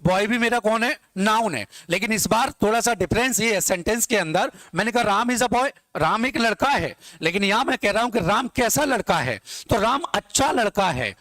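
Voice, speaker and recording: A man teaching English grammar in Hindi, asking questions and answering them himself, and dictating example sentences slowly word by word. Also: sits high, animated, pushed and bright, dry recording. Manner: repetitive call-and-response questioning, addressing students as dear children. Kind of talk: classroom grammar lesson in Hindi.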